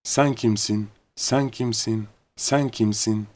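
A man voicing a mountain echo that repeats words slowly and fades off. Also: lowish voice, fairly even intonation, a little mellow. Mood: hollow. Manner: slow, repeating, fading.

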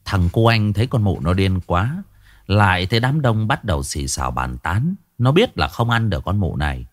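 A man's voice: on the low side, very animated, normal speed, no room sound. A man reading a horror story aloud as a dramatic, vivid storyteller. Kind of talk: scripted horror story narration.

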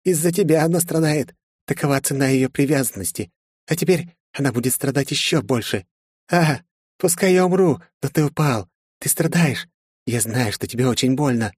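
A man's voice: medium pitch, moderate pace, a little mellow, breathy edge, no room sound, studio quality, voice pushed up, natural voice. A man voicing a cruel, mocking female villain in an audiobook, taunting and giggling between spiteful lines. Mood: vicious.

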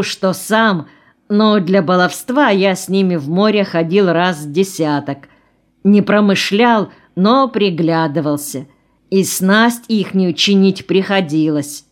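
A woman voicing a serious, stolid older workman in an audiobook, speaking slowly and earnestly. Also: mid-range voice. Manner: slow, measured, earnest.

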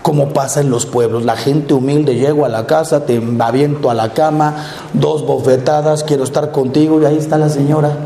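A man's voice: a little high, steady tone, normal speed, warm tone, roomy sound. A Mexican priest in his fifties giving a conference talk, telling stories with rhetorical questions and acting out voices. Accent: Mexican Spanish. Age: 50s. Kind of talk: conference talk to a live audience.

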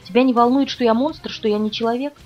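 A woman voicing a calm, guarded young-looking male vampire with a dry ironic edge in an audiobook. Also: on the high side, fast talker, distant mic, dull audio, faint music behind, voice pushed up, close to an everyday voice. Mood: intense.

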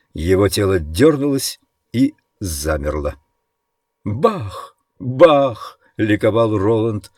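Slow, deep-voiced male audiobook narrator. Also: darkish tone, no echo, clean studio sound. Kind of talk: scripted dramatic narration.

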